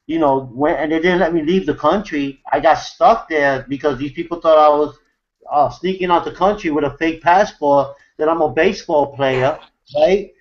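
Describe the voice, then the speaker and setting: Over a video call with dull audio, a New York City man hosts an online hangout, telling a story in a rambling, casual way full of fillers and restarts. His voice is a little high and his pace moderate.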